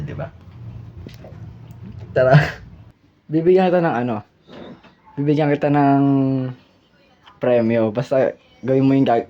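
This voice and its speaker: A man's voice: medium pitch, mellow, dull audio. A man with a Filipino accent hosting a vlog, teasing and playful, laughing at his own jokes. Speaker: vlogger host. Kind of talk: casual joking vlog chat.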